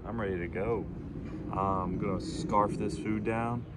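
Man, casual travel vlog, fairly low voice, loud traffic noise behind, handheld camera outdoors. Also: steady tone, measured pace. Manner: chatty, talks to viewers while walking around town. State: out of breath after jogging. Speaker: vlogger. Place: outdoors on city streets.

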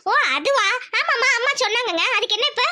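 A woman voicing a calm, gently teasing young bride in a cartoon. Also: very high voice, fast, full character voice. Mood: puzzled. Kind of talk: cartoon voice acting.

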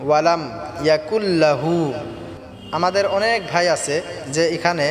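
A man teaching Quran recitation, chanting verses slowly and melodically, then explaining pronunciation quickly in a Bangladeshi Bengali accent. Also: fairly high pitch. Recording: echoey reverberant room with faint background music.

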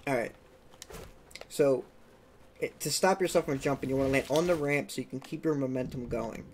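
A young man giving a casual gameplay walkthrough as the channel's creator, chatty, often checking in with "okay?" and adding "boom" sound effects. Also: moderate pace, slight background noise. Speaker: gaming tutorial creator.

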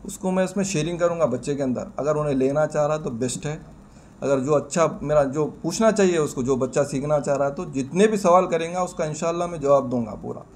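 Brief: middle-aged man, slightly high voice, confident explainer, faint room noise. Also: fast, darkish tone. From India. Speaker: mobile repair trainer. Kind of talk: press interview. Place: indoor shop in front of press mics. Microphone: bunch of press mics on table.

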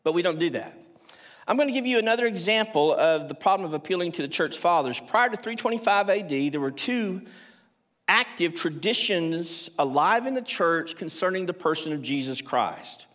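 An older theology professor gives an academic lecture at a church conference, speaking from a podium microphone on the stage of a large auditorium before a seated audience. His voice is slightly higher than most men's, a bit bright, animated, and moderately paced. Now and then he leaves his script for asides and rhetorical questions.

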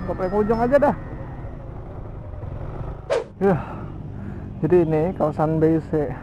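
Through a helmet-mounted action camera mic, with wind and engine noise, a young Indonesian man vlogs from his motorcycle on a tree-lined road. He speaks at a measured pace in a slightly high voice with lively intonation, joking in slang and laughing often, and the sound is lo-fi.

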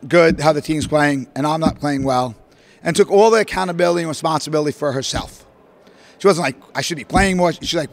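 Animated middle-aged man at a press podium. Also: fairly high pitch. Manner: animated, rapid-fire, rambling answers with many fillers. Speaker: head basketball coach. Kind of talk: postgame press conference. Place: press room, standing at a podium before a logo backdrop. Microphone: podium microphone.

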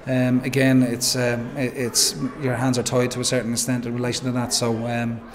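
A man in his forties with an Irish accent, a football manager giving a measured post-match interview, full of "um" and "you know". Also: mid-range voice, monotone, a crowd in the background. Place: pitchside interview backdrop, noisy. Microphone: handheld interviewer mic.

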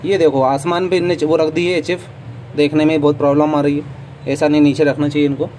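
A man with a slightly high, mellow voice chats to his viewers as he tours an expo stall, giving blunt opinions along the way. He is recorded on a handheld phone. Faint hall noise stays under his voice. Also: level tone, fairly quick. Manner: chatty, addresses viewers as friends, opinionated asides. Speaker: vlogger touring a trade show stall. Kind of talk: casual walkthrough vlog. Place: busy indoor trade show hall. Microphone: phone camera held while walking.

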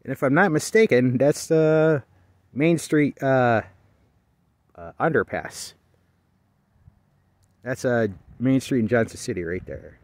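Hiking an abandoned rail line, a man who is not from the area offers casual walking commentary for his railfan vlog, captured outdoors on a handheld phone without echo. He speaks slowly with long pauses, in a mid-range, darkish voice, rambling and chatty with many hesitant fillers.

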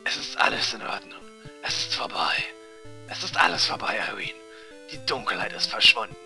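Casting: man putting on a brooding ninja hero, strained deep voice, overblown solemnity, game music behind. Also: big pitch swings, normal speed, vocal fry, bright, forceful tone, heavily acted. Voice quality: forced deep voice. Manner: pompous mock-heroic parody dub. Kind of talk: parody dub over game cutscene.

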